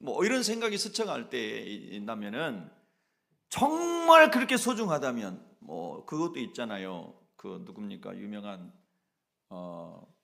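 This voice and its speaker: A man's voice: lowish voice, big pitch swings, unhurried, vocal fry. A male pastor preaching a sermon emphatically, often asking the congregation questions.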